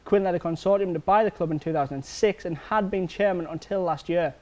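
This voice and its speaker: A male presenter reads the week's sports news from a script. His voice sits high, and he keeps an even, steady delivery. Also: quick pace.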